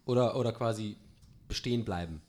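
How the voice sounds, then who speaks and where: A man's voice: lowish voice, a little fast, darkish tone. A man co-hosting a podcast, rambling and breaking off mid-sentence, laughing often as he banters. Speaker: podcast co-host.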